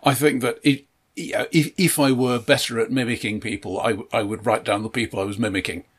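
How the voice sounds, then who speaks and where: A man, a tabletop game master, talking in a measured way in a casual chat, often stammering on his first words. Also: medium pitch, steady tone, slightly rough.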